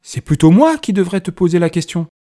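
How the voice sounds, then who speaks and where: A man voicing a small devoted dog in an audiobook, calling out brightly and eagerly. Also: high voice, sing-song, brisk, voice pushed up. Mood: reproachful. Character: small devoted male dog, hopeful and anxious.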